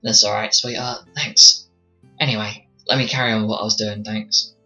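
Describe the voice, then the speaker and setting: A bright, forceful hyena man, played by a male game master in a tabletop roleplay. He is surly and condescending, snarling curt threats over background music. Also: fairly low pitch, steady tone, moderate pace, dull audio. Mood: gruff, irritated. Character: surly, threatening hyena man, dagger-carrying guild member.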